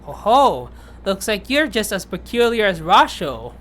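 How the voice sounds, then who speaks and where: A woman's voice: mid-range voice, very animated, a little slow, fairly bright tone. Woman playing a smug, gloating shogun. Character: teasing, domineering male shogun, grown man.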